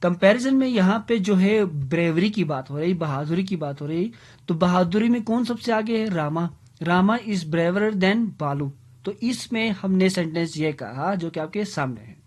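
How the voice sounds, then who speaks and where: A woman's voice: lowish voice, lively intonation, unhurried, a little mellow. A woman giving a grammar lecture, patiently drilling words by repeating them aloud syllable by syllable, checking in with "right?" and correcting herself as she goes. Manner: corrects herself mid-sentence. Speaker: English grammar teacher.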